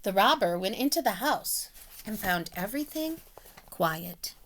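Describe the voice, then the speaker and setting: A woman's voice: mid-range voice, animated, a little slow, slight background noise. A woman reading a children's picture book aloud, as a teacher telling the story with voiced animal sounds.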